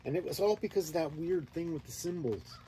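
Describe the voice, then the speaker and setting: Laid-back man with a mellow voice. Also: on the high side, lively intonation, a little fast, low-quality recording. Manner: laid-back, meandering storytelling, laughs often. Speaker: host. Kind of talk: casual chat. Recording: faint background noise.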